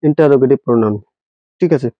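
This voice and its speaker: The dry, dull lo-fi recording features a man of medium pitch speaking fast with no echo. He's teaching an English grammar lesson classroom-style, spelling words letter by letter and asking his students rhetorical questions.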